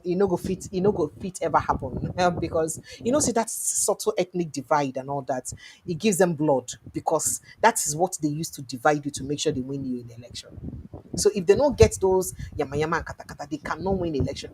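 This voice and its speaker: A woman's voice: fairly low pitch, a little mellow, husky. A woman with a Nigerian accent hosting a call-in show, chatting her views in casual commentary and slipping into pidgin. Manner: chatty, mixes pidgin, laughs between points. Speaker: talk show host.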